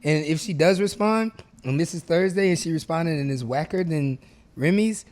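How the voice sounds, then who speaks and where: Emphatic man with a slightly high voice. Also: normal speed, a little mellow. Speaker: podcast co-host. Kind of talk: casual chat.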